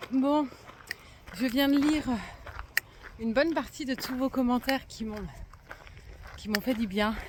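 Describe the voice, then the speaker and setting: A woman talking casually to her phone camera while walking a countryside trail, upbeat and full of filler pauses. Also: medium pitch, background noise. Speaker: vlogger walking a pilgrimage.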